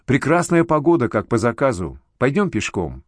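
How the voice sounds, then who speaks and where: A brisk, protective older schoolteacher mother, as a male narrator puts her on, scolding and motherly. Her lines rise and fall with lively pitch in a dry, close reading of a spoken story. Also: no room sound, close to an everyday voice. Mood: fond, chatty.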